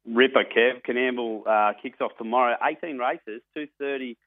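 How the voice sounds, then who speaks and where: A man's voice: medium pitch, normal speed, phone-quality sound. Blokey Australian man, matey racing radio presenter. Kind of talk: casual sports radio interview and racing tips.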